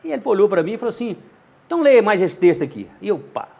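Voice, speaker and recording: Husky, lively older man from Minas Gerais. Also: sits high, fast. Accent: Minas Gerais Brazilian Portuguese. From Montes Claros, Minas Gerais, Brazil. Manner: animated, acts out dialogue in voices. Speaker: journalist and radio narrator, guest. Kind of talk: casual storytelling interview.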